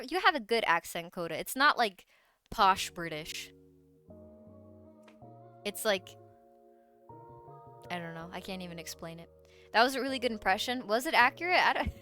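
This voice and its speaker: A woman's voice: fairly high pitch, bright, forceful tone, clean tone. A woman streamer in casual live-stream chat, playful and giggly, swearing freely.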